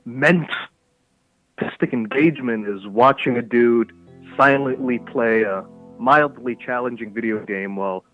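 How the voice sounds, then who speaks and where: A man's voice: mid-range voice, measured pace, narrow, tinny audio, soft background music. A young man from Canada and Somalia, calling in and telling a rambling story in casual chat over the phone. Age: young adult. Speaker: caller.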